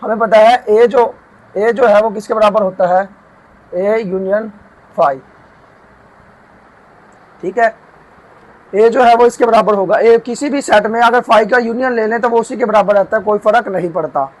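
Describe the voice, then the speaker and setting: A man teaching math, walking through a proof and slowing down to dictate each formula term by term. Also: high-pitched, a little mellow, rough recording. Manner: often checks in with "theek hai". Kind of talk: lecture explaining a proof.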